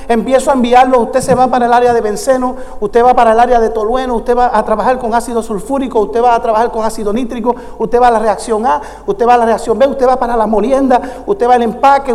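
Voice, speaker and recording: A male pastor with an unusually high voice tells stories from the pulpit and builds them into fervent, shouted calls to the congregation. His words ring through a church sanctuary with a long reverb. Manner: fervent preaching that swells into shouted exhortation. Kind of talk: sermon with storytelling.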